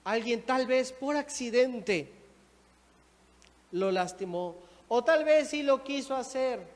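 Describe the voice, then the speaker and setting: A man, a minister preaching a sermon with rising emphasis and acted-out quotes. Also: very high voice. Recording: church hall reverb.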